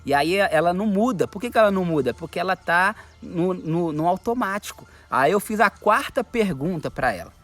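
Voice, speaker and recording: Lively Brazilian man coaching. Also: high voice, brisk, hardly any pauses. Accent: Brazilian Portuguese. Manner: animated, quotes others in asides. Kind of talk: motivational talk.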